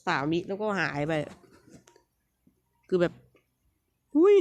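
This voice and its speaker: A man's voice: high voice, huge pitch swings, slow, dry recording. A man giving casual let's-play commentary on a platform game, playful, teasing and scolding the game characters with frequent little exclamations.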